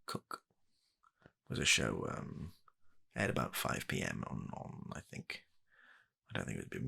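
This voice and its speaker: An ASMR performer, a British man, softly plays a kind, polite gentleman who runs a dating agency, offering hesitant, courteous, reassuring salesman patter. His deep, exaggerated voice is breathy and gravelly, close to the microphone.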